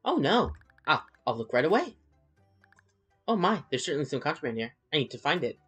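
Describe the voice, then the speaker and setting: A man voicing a fussy, easily alarmed little kindergarten girl in a high, shrill voice. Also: big pitch swings, a little fast, fairly bright tone, husky, faint music behind, full character voice.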